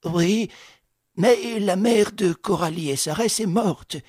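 A man voicing a frightened old concierge who stammers and asks shrill, disbelieving questions, in an audiobook reading. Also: slow, a little mellow, breathy edge, dry recording, clean studio sound, heavily acted. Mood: hushed. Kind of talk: audiobook character voice.

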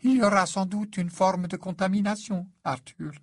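A man voicing a grave, weary middle-aged wizard who speaks in a slow, measured way. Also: sits high, fairly even intonation, breathy edge, dry recording, clean studio sound, pitched above the performer's own voice.

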